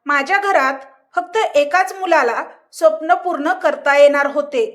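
A woman reading the lines of a steady, direct young nurse in a storybook reading. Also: high voice, moderate pace. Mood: firm.

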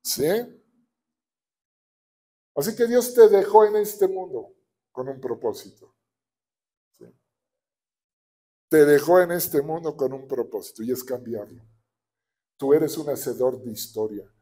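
Dark-voiced Mexican pastor preaching. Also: male voice, on the high side, slow pace, pauses often. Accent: Mexican Spanish. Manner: animated, asks the congregation for agreement. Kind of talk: sermon.

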